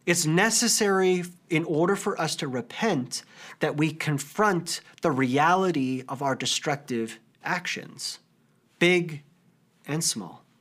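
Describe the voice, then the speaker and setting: A man's voice: on the high side, takes it slowly, a bit bright. A pastor in his thirties preaching a sermon, earnest and conversational, telling stories with casual fillers.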